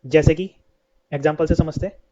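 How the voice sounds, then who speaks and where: A man's voice: on the high side, steady tone, moderate pace, dark tone. Lo-fi male teacher quizzing himself. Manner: asks questions and answers them himself. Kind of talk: spoken English lesson. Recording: dull lo-fi sound.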